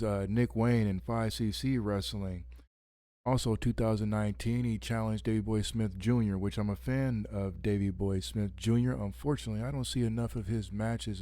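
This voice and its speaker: A man's voice: on the low side, dark tone, dry recording, studio quality. A man hosting a late-night wrestling podcast from home, speaking in a radio-host style with casual fillers. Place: home at midnight.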